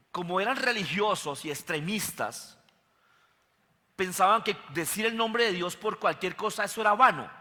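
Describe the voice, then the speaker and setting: A man's voice: high voice, bright, forceful tone. A male pastor giving a sermon, teaching and putting questions to his congregation. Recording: echoey hall with faint guitar.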